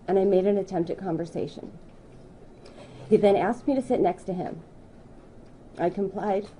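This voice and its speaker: Woman in her thirties, deliberate reader of a formal statement, very dark voice, faint hiss in the room. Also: mid-range voice, low-quality recording. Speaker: speaker at a news conference. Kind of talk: reading a prepared statement. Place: news conference room.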